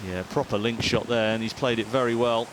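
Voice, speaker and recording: A man giving golf commentary as an expert former player, measured and sympathetic as he analyses each shot. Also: mid-range voice, flat delivery, background noise.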